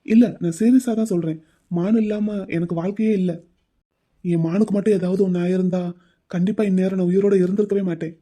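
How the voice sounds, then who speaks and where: A man voicing a troubled young man in an animated drama, speaking earnestly and with distress. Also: high voice, brisk.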